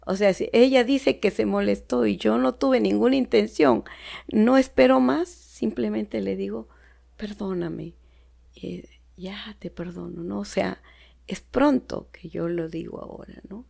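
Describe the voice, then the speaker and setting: Woman, Peruvian Spanish accent, heavy vocal fry, earnest testimony, slips into near-whispers. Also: on the high side, a little slow, mellow. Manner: earnest, emotional, often drops to a near-whisper. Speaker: podcast guest. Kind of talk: personal testimony in casual chat.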